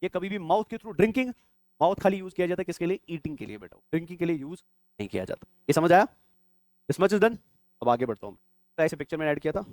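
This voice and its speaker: Man, biology exam-prep lecture, high quick voice, quizzing students, dry close sound. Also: lively intonation, a little mellow, no room sound. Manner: quizzing students with rapid questions, calling them "beta". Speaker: biology teacher.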